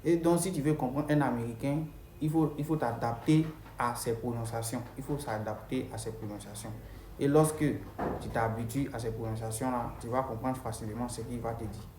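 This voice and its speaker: A man's voice: mid-range voice, steady tone, fairly quick, background noise. A man giving a casual video lesson on English pronunciation, talking straight to his viewers and repeating his key points. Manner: repeats key phrases, addresses viewers directly. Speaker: English teacher. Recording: roomy with faint ambience.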